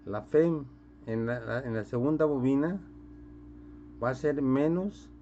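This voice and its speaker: A man's voice: mid-range voice, unhurried, dark tone, a little hiss or hum. A male physics teacher lectures step by step through a classroom lesson. He keeps checking in with his students and quizzing them as he goes. The recording sounds dull and muffled.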